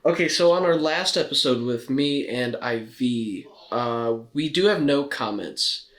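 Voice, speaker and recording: A young co-host with a mid-range, fairly bright voice chats on a podcast in an unhurried way, his humor dry and self-deprecating. The recording has a roomy echo.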